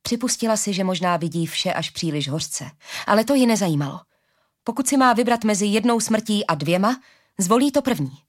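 A woman giving steady audiobook narration of a fantasy story. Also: mid-range voice.

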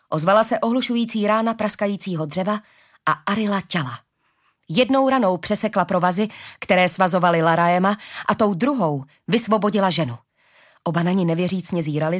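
Female narrator, steady audiobook read. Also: mid-range voice. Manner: steady storytelling.

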